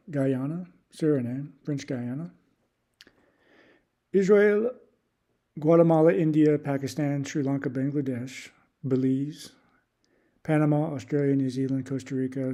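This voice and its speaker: A man streaming casual commentary, reading off a long list and thinking aloud with hesitant restarts. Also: fairly high pitch. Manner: reads off long lists in a steady run. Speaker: YouTube creator.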